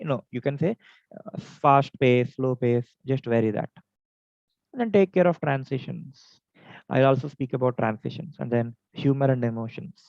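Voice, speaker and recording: A man's voice: mid-range voice, no room sound, dull audio. A man with an Indian English accent teaching public speaking on a video call, his throat dry from being unwell, listing points in an instructive way. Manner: instructive, list-like, varies pace for examples. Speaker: speech contest trainer. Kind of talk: online educational talk. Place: home, online meeting.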